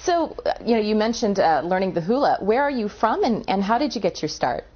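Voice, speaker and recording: A woman's voice: mid-range voice, big pitch swings, a little fast, darkish tone. A woman hosting an interview, asking questions in an upbeat way. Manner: upbeat, laughs often. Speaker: interview host. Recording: dull lo-fi sound.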